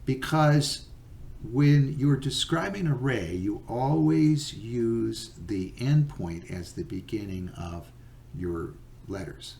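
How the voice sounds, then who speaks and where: A man teaching a recorded geometry lesson, patient and unhurried, with many fillers and okays. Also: medium pitch, vocal fry, a little mellow.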